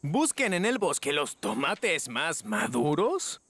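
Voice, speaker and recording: A brash young cartoon hero, cocky and impatient. The voice is bright and forceful, lively in pitch, with a wry edge. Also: male voice, slow, exaggerated voice. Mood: exasperated.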